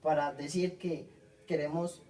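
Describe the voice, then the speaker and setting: A man, reading out a class presentation on punctuation and coherence, pausing often and correcting himself. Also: fairly high pitch, fairly even intonation, mellow, recorded from a distance. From Colombia. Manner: halting, frequent self-corrections.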